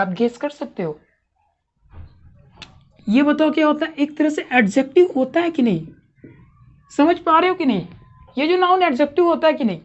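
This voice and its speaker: Woman teacher, high voice, quizzing her class often; dull lo-fi recording. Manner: questioning, checks understanding often. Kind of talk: classroom grammar lesson.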